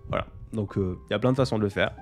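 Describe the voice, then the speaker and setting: A man's voice: on the low side, fast, soft background music. A man in his twenties hosting a casual live Q&A, rambling and hesitant with lots of fillers, poking fun at himself. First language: French. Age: 20s. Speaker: live stream host. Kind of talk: casual live Q&A answering viewer comments.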